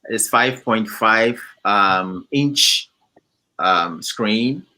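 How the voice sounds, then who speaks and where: Slow, bright-voiced man from Ghana. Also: lowish voice, low-quality recording. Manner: measured, hesitant, many fillers. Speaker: company founder. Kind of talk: interview answers, explaining a product.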